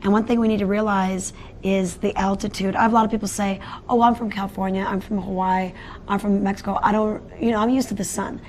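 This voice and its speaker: A woman's voice: mid-range voice, flat delivery, fast talker, a little mellow, slight background noise. Chatty woman morning show host. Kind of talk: upbeat TV interview. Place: TV studio.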